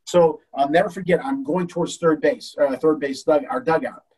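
An older man, a baseball coach, telling an emotional story in an animated way with many restarts. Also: a little high, normal speed, slightly rough, distant mic, poor audio. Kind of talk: storytelling in a talk show.

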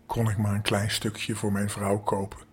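A man's voice: on the low side, completely flat delivery, normal speed, faint music behind, voice pushed down, close to an everyday voice. A grandfather as a poor kind old hat seller. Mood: wistful.

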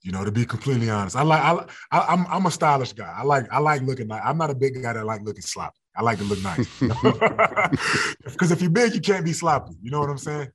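Husky-voiced man talking candidly. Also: medium pitch, animated, brisk, a bit bright. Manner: candid, laughs often, repeats and restarts words. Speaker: football player guest. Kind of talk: casual interview.

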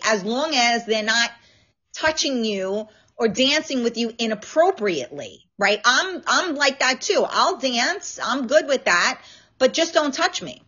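A woman hosting a casual live-stream chat, frank and animated, swearing freely as she tells stories. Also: on the high side, husky, lo-fi sound. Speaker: talk show host.

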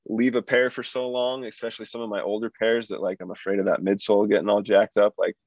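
A man's voice: fairly low pitch, level tone, quick pace, a little mellow, dry recording, lo-fi sound. A man in casual, laid-back, slangy conversation who has trouble with his R sounds, saying them like w. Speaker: guest, school teacher and girls' basketball coach. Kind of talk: casual chat.

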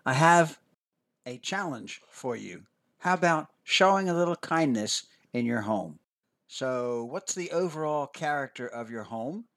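A man hosting a scripted parenting talk, measured and expressive, sometimes dropping to a whisper for emphasis. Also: mid-range voice. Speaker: host, family counselor.

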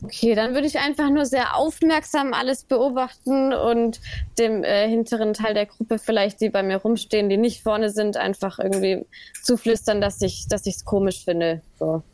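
A woman's voice: fairly high pitch, fairly even intonation, normal speed, a little mellow, dry recording. A woman playing a tabletop game, who speaks in a tentative way. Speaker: player.

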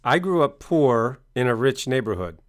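A man's voice: medium pitch, sing-song, moderate pace. A middle-aged American man telling his story as an interview guest, emphatic and fond of repeating phrases like a motivational speaker. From Maine, United States. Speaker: guest, success coach and author.

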